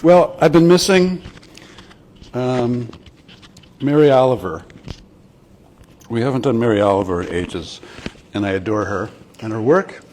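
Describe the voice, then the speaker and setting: A middle-aged American man from Ohio hosting a relaxed cocktail chat and reading a poem aloud. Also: medium pitch, a little slow, pauses often. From Ohio, USA. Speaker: host. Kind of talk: casual chat and poetry reading.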